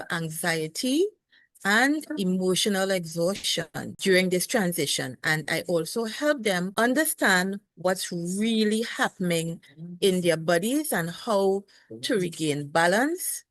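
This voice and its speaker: A woman's voice: fairly low pitch, animated, slow pace, dry recording. Dry-voiced woman show host. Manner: reads a polished guest introduction, asks broad questions. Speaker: podcast host and nurse. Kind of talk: formal show introduction and interview.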